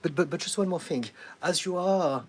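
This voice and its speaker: Sitting high in pitch, the voice belongs to a middle-aged French therapist with a French accent fielding viewers' questions during a livestream. His manner stays calm and advising, broken by frequent laughter and many ums.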